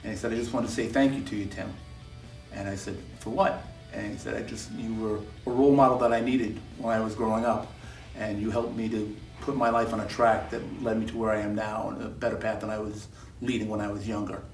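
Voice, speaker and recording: Earnest middle-aged police officer, flat delivery. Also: male voice, lowish voice, brisk. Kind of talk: interview testimonial. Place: studio with curtain backdrop. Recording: roomy studio, distant mic, soft music.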